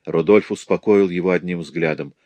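A man narrating a novel as an audiobook in an expressive, measured manner. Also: deep voice, no echo. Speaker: audiobook reader.

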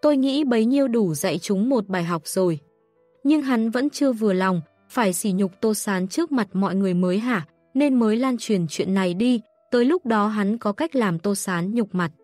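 A woman narrating an audiobook in a steady, even reading voice. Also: medium pitch, moderate pace, no room sound, faint music behind. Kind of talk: scripted narration.

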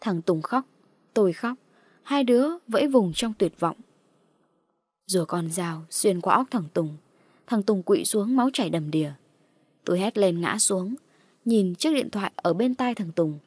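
Female horror audiobook narrator, tense and dramatic, dry close sound, mid-pitched. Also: expressive, measured pace, pauses often, darkish tone, slightly rough, no room sound.

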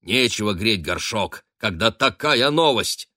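A man's voice: lowish voice, lively intonation, a little slow, sharp tone, dry recording, studio quality. A man voicing a gushing, teasing middle-aged lady of the house who fusses over her ward. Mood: excited gushing. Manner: effusive, fussy, teasing.

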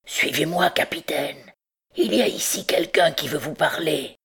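A woman voicing a timid, devoted deaf hunchbacked bell-ringer who speaks slowly in a half-whisper, in a storybook reading. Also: low-pitched, vocal fry, slightly rough, exaggerated voice. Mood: urgent pleading. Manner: hushed, slow, half-whispered.

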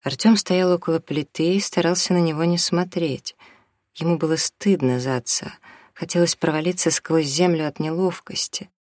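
A narrator reading a story as an audiobook in a steady, measured way. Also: medium pitch, no room sound, studio quality.

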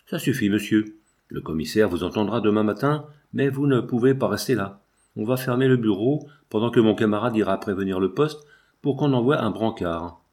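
A man's voice: on the low side, animated, moderate pace, darkish tone. Man reading a seasoned old policeman for an audiobook, matter-of-fact and assured. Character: old male policeman, former soldier, assured.

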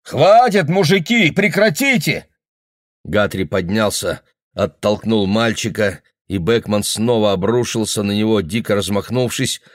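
A man reading a novel aloud in a steady, even narration. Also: fairly low pitch, no room sound, clean studio sound. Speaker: audiobook reader. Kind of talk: literary narration.

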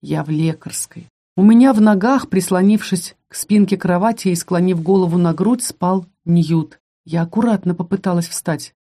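In a mid-range voice, an audiobook narrator reads a first-person fantasy romance novel. The storytelling is calm and measured.

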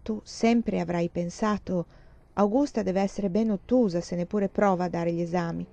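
A woman's voice: fairly low pitch, fairly even intonation, normal speed, vocal fry, warm tone. A woman reading as a proud, weary woman writer. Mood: defiant. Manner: speaks in bursts, intense and rueful. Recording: dull lo-fi recording.

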